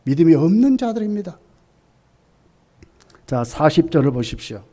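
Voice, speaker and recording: A man pastor preaching a sermon emphatically, asking repeated questions that rise to loud peaks. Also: on the high side, big pitch swings, moderate pace.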